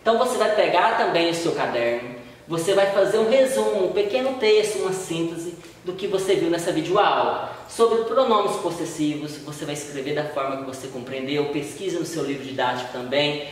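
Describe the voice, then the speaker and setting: A woman's voice: deep voice, expressive, a little fast, slight background noise. A Brazilian woman teaching a recorded primary school lesson, patiently explaining and drawing out the example words. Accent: Brazilian Portuguese. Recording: echoey room, voice far from mic.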